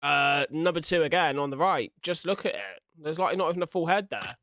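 A young man makes a horror reaction video at home in a small room, near a large desktop condenser microphone, joking casually and exclaiming in dread. His voice is on the high side, animated and fairly bright, a little fast, with no echo.

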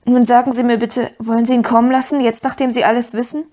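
A woman's voice: on the high side, level tone, quick pace, dark tone, lightly acted. A woman reading an audiobook, voicing an eager, earnest young boy who talks in urgent, breathless bursts. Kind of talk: audiobook character voice.

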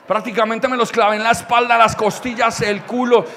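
A young Colombian man doing stand-up comedy storytelling, animated, with loud outbursts and crude slang. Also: extremely high pitch, fairly quick, big-room sound, a little hiss or hum.

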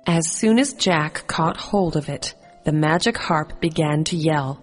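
Woman narrator for a kids' story, husky low voice, calm and measured. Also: in a large hall, soft background music. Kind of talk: scripted narration of a children's fairy tale.

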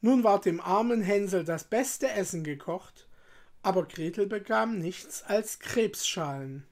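A woman reads a fairy tale aloud in a calm, measured storytelling manner. Her voice sits at a middle pitch and she takes her time, letting each phrase settle. It is an unhurried bedtime-story reading.

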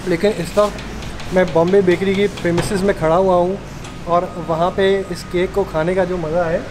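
Upbeat high-voiced food vlogger. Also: male voice, flat delivery, normal speed, background noise. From Pakistan. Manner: upbeat, enthusiastic, chatty, addressing the viewer. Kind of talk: casual food vlog to camera. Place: outdoors at a bakery courtyard, in a car and at a street stall. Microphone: phone held at arm's length.

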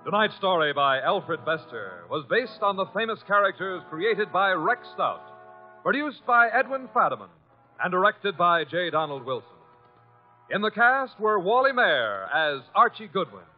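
A man's voice: high voice, phone-quality sound. A man reading a formal closing announcement for a radio program, heard from an old broadcast disc transfer. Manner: crisp formal announcer delivery.

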